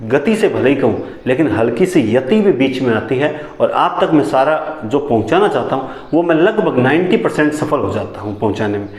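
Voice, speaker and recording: A man teaching a lesson, who repeats key phrases back as questions and sometimes talks fast enough that his words tangle. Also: mid-range voice, big pitch swings, darkish tone, roomy sound. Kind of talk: classroom lecture on teaching methods.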